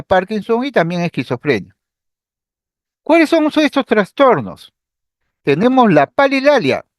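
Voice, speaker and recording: High-voiced man lecturing on psychiatry. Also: no room sound, studio quality. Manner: explanatory, acts out patient speech examples; lively intonation, occasional fillers and restarts. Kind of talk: recorded medical lecture.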